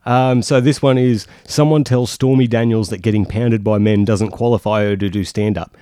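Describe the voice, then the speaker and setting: A man's voice: on the low side, fairly even intonation, moderate pace, mellow, clear, resonant tone, no echo, clean studio sound. A man co-hosting a podcast in casual chat, laughing often and trailing off mid-sentence. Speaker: podcast co-host.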